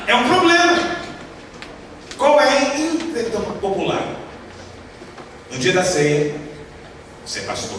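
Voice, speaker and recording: A man's voice: high-pitched, a bit bright. A man with a Brazilian Portuguese accent preaching a sermon, emphatic and full of rhetorical questions for the congregation. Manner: emphatic, asks the audience many rhetorical questions. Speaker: pastor. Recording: echoey hall from far off with background noise.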